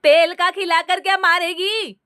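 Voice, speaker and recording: A woman voicing a demanding older mother-in-law who shouts and scolds in slow, drawn-out words. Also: very high-pitched, fairly even intonation, dry recording, studio quality, voice pushed up, full character voice. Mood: scolding.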